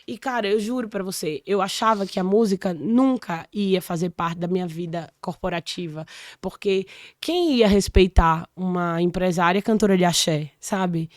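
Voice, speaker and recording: A woman's voice: lowish voice, moderate pace, no room sound, studio quality. A woman in her forties from Salvador, Brazil, a podcast guest telling a personal story in casual chat, with many restarts.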